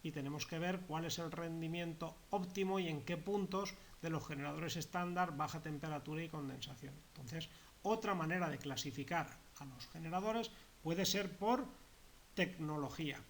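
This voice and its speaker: A man lectures on a technical subject at a methodical pace. He often repeats himself and rephrases terms. His voice sits a little high for a man. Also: moderate pace, fairly bright tone, slight background noise. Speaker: heating course instructor.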